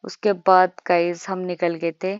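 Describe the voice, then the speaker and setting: A woman's voice: lowish voice, flat delivery, a little slow, clear, resonant tone, no echo. Young female vlogger from India, chatty and self-mocking; dry, dull lo-fi voice-over. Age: young adult. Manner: chatty, self-mocking, addresses viewers as guys. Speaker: travel vlogger. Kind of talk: casual vlog narration.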